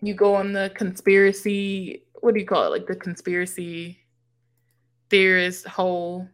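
A woman's voice: fairly low pitch, measured pace. Chatty woman recapping a movie. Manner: animated storytelling, acts out characters' lines, swears casually. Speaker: podcast co-host. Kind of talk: casual movie recap chat.

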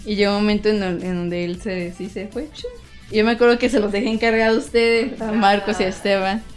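A woman's voice: medium pitch, a little fast, faint music behind. A young woman with a Mexican accent, casually telling friends about a dream, acting out the voices and laughing often. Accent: Mexican Spanish. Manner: animated storyteller, acts out voices, laughs often.

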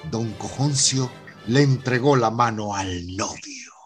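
A man with a Venezuelan accent narrates a melodramatic radio soap, telling the scripted drama in a theatrical storytelling style. His mid-range voice is husky and slow, with faint music behind him.

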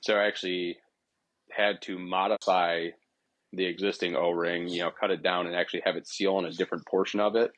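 A man in his thirties, a podcast guest, telling a rambling story in a relaxed way with restarts and chuckles. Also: low-pitched, a little fast, dry recording, poor audio. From Ohio. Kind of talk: casual storytelling.

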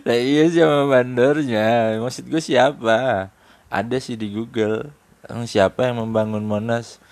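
Slow, gravelly man. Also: medium pitch, darkish tone, no echo. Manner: joking banter with frequent laughter; slangy and teasing. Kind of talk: casual chat.

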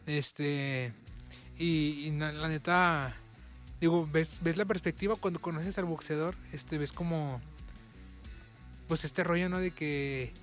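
A man with a Mexican accent interviewing in a relaxed, halting way with many fillers. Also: on the high side, soft background music. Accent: Mexican Spanish. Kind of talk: casual conversation.

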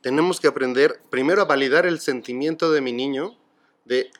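A middle-aged man with a Mexican accent, a podcast guest who speaks calmly and reflectively about grief. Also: medium pitch, a little fast. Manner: calm, explanatory, philosophical. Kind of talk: reflective conversation.

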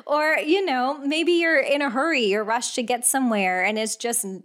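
A woman's voice: mid-range voice, fairly bright tone. A woman co-hosting a casual podcast with her husband, easygoing and self-deprecating, often laughing. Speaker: podcast co-host.

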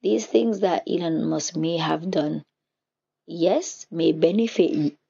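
A woman's voice: lowish voice, slow, vocal fry, mellow, slightly rough. A woman giving a casual spiritual teaching, reflective and searching for her words as she goes. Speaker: faith teacher. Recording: dull lo-fi recording.

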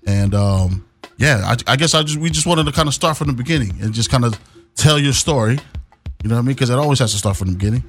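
A man's voice: medium pitch, expressive, fast talker, soft background music. A man co-hosting a radio talk show from a studio, talking casually and rambling with many fillers.

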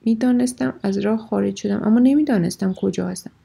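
A woman voicing a man trapped at the bottom of a well, pleading for help in a husky, raised voice. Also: mid-range voice, warm tone. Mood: anxious. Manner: desperate, calling for help.

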